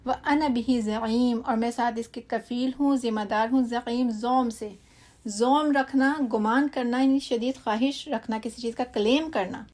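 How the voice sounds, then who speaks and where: A woman giving a word-by-word scripture translation lesson. She recites each phrase slowly, then explains it quickly and drops in English words. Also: fairly high pitch, fairly even intonation, darkish tone. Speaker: Quran teacher.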